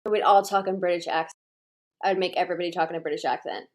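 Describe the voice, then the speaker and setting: A woman's voice: on the low side, fairly even intonation, racing. A woman hosting a livestream, chatting casually and rambling with lots of "like". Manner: rambling, heavy use of "like". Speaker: livestream host.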